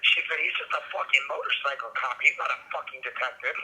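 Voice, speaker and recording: A man's voice: mid-range voice, fast, sharp tone. Sarcastic man on a prison phone call. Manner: teasing, sarcastic. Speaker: inmate on a call. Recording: phone line with faint noise.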